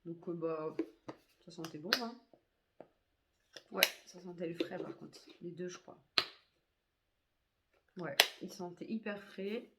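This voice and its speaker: A woman's voice: fairly low pitch, slow, long pauses, heavy background noise. A woman reviewing used-up beauty products in a chatty way, full of hesitations and fillers. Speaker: beauty vlogger.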